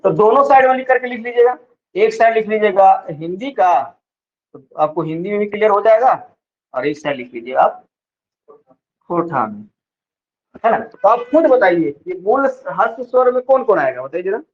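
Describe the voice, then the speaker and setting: High-voiced teacher drilling students. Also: male voice, lively intonation. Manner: keeps asking "है ना?" to check students follow; explains slowly, stretching example words. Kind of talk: classroom lecture. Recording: dull lo-fi sound.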